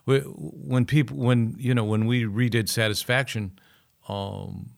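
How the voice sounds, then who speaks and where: A man's voice: medium pitch, unhurried, vocal fry. An older man, a musician guest, telling anecdotes in a casual interview and slipping into the voices of people from his stories. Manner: lively storyteller who slips into voices of people in his stories.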